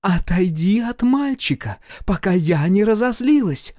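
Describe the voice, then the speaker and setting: A man voicing a fierce, sharp-tongued older woman healer who scolds and threatens, in a dry audiobook recording. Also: mid-range voice, expressive, moderate pace, dry recording, natural voice. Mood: scolding. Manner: shouting threats, tongue-lashing.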